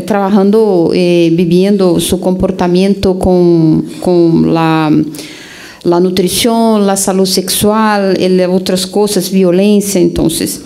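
A middle-aged Brazilian woman, a native Portuguese speaker, giving formal conference remarks in halting Spanish mixed with Portuguese. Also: medium pitch, warm tone. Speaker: conference delegate. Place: large conference hall. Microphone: gooseneck table microphone.

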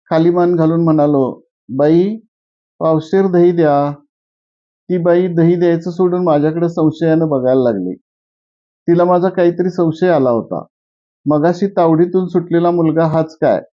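A man reading a humorous short story aloud in a plain, steady first-person storytelling voice. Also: fairly high pitch. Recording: dull lo-fi recording.

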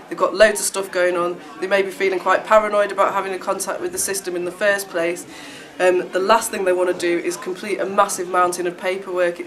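A young woman who works in drug services, giving a critical vox pop interview in a studio and asking pointed rhetorical questions. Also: fairly low pitch. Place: indoor studio with dark backdrop.

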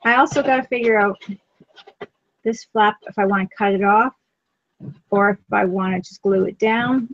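A woman's voice: medium pitch, fairly even intonation, normal speed, long pauses, no room sound, dull audio. A woman co-hosting a live craft stream, chatting in an easygoing way while she works.

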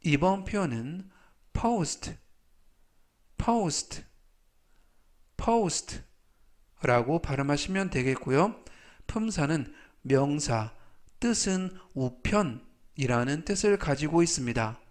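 A man's voice: a little high, expressive, a little slow. A man teaching English vocabulary in a scripted lesson, reading each word three times with polite, formal explanations.

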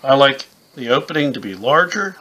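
A man's voice: medium pitch, big pitch swings, moderate pace, very noisy. A man in his fifties giving a casual, plain-spoken hands-on tutorial, explaining things step by step in an informal way. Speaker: instructor, game call maker. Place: small indoor room with camouflage backdrop.

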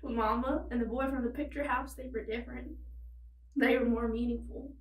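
A woman's voice: fairly high pitch, fairly even intonation, fairly quick, slight background noise, close to an everyday voice. A young woman playing a desperate, sorrowful tragic heroine in a dramatic monologue, pleading and confessing in anguish. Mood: haunted, confessing. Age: young adult. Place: indoors against a plain backdrop. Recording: roomy, distant microphone.

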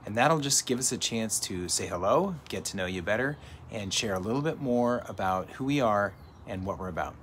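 A man's voice: on the low side, animated, fairly quick. A man reading a friendly service announcement that invites viewers to get in touch. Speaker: church announcer.

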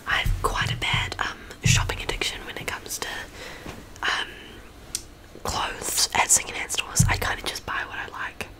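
This ASMR creator is a young New Zealander who whispers at a normal speed, rambling with plenty of ums. She's up close to a stand-mounted studio mic in her small bedroom, and the audio is poor.

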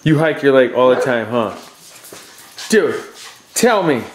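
A man's voice: medium pitch, sing-song, slow pace. A man at home chatting playfully to his dogs on camera, in a teasing, baby-talk way. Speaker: vlogger and dog owner. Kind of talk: casual chat to pets on camera. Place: home, indoors. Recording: roomy echo, faint noise.

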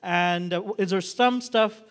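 A man in his thirties hosts a college event, talking freely with frequent restarts and fillers. His voice sits high for a man. He holds a handheld microphone in a large hall. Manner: halting, many restarts and fillers. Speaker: event host. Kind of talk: unscripted event hosting. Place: large hall with red walls and a projection screen.

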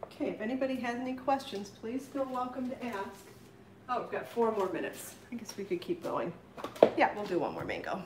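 Her mid-range voice sing-song and fairly quick, this middle-aged cooking show host talks viewers through a live demonstration while chopping in her home kitchen. The echoey audio, picked up by a fixed camera across the counter, includes steady knife-on-board chopping.

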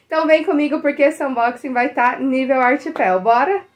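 A young adult woman with a Brazilian Portuguese accent, a teacher chatting excitedly to the camera as she unboxes stationery and breaks into delighted exclamations. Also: sits high, moderate pace, heavy background noise. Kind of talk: casual unboxing chat to the camera.

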